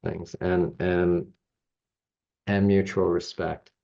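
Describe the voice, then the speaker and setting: A man's voice: sits low, little pitch movement, takes it slowly, vocal fry, dark tone. A middle-aged man from Canada, a judo coach telling stories in a casual interview, chuckling often and rambling with plenty of fillers. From Toronto, Canada. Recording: slightly dull lo-fi recording.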